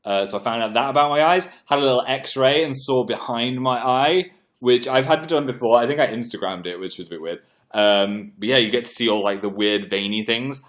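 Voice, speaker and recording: Speaking a little fast, this young livestream host has a mid-range, slightly bright voice. He sounds congested and keeps clearing his throat while chatting casually, making self-deprecating remarks and reading out viewers' comments.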